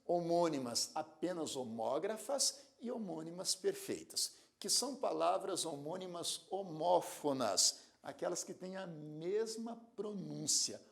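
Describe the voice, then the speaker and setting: Male teacher, didactic, gravelly voice with animated pitch. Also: unhurried, hardly any pauses. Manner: didactic, spells out words and gives examples. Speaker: Portuguese teacher. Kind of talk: recorded grammar lesson.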